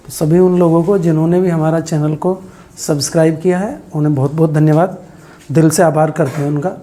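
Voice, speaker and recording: A man, a teacher, giving an earnest, halting speech at a small celebration, with many fillers. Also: fairly high pitch, steady tone, mellow.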